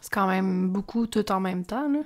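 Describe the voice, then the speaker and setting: A woman with a Québécois accent co-hosting a podcast, reacting with expressive interjections in casual chat. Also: medium pitch, moderate pace. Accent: Québécois French. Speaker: podcast co-host.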